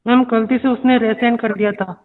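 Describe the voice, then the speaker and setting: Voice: medium pitch, flat delivery, a little fast. A student asking a teacher questions during an online class, hesitant and repeating the point. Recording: tinny phone-like line with long reverb.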